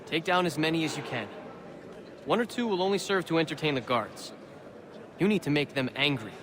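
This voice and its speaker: An actor playing a wry, self-assured convict forger, coaxing and slyly explaining. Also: male voice, a little high, animated, a little fast, background noise, lightly acted.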